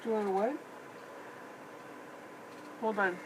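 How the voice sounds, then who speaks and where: A woman with a mid-range voice speaks slowly and steadily over some background noise. She is a mother doing an improvised puppet show with her son at home, chatting simply and encouragingly and asking lots of simple questions. It was recorded on an iPad microphone.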